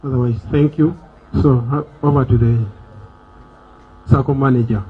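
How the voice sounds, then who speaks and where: A man's voice: mid-range voice, fairly even intonation, normal speed. A man speaking as treasurer, greeting the members formally with hesitant fillers. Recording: tinny, phone-like event recording.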